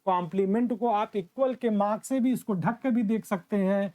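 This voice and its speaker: A man teaching a grammar class as the teacher, drawing out example sentences slowly and calling his students his children. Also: high-pitched, mellow.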